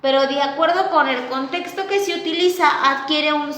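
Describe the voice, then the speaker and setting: A woman lecturing slowly, with a high, bright voice, who keeps pausing to ask her class if they follow. The room around her is echoey, and her words ring out as she stretches out each example word with care. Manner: slow and deliberate, checks understanding with a frequent questioning "¿ok?". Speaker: teacher.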